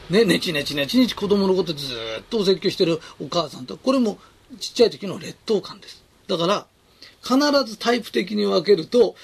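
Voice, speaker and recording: A man's voice: sits high, vocal fry, husky. A man giving an emphatic advice talk, answering listener questions and repeating key words.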